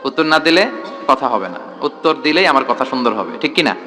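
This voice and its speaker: A man's voice: medium pitch, lively intonation, fairly quick, over music. A man preaching a sermon to a large gathering in a tent, throwing rhetorical questions at the crowd and calling for responses.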